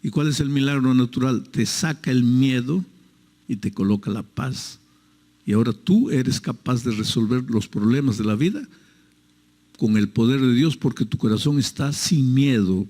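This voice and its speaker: A man's voice: mid-range voice, animated, normal speed, mellow, big-room sound. A male pastor preaching a sermon, telling a story earnestly and acting out its dialogue.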